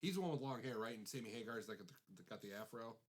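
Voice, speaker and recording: A man's voice: fairly low pitch, expressive, fast, breathy edge. A man co-hosting a casual podcast, speaking with blunt opinions, many hesitations and playful pushback. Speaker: podcast co-host. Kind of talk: casual chat.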